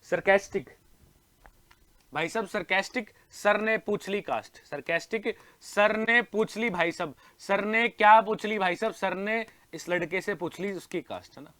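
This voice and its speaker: A man with an Indian accent teaching English vocabulary in an online exam-prep class, energetic and repeating his questions to the students. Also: sits high, measured pace, no echo.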